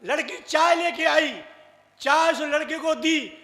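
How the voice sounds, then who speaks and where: A man telling a comic story on stage in a slow, theatrical way. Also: very high-pitched, bright, forceful tone. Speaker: comic poet performing on stage. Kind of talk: live stage comedy storytelling. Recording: echoey hall.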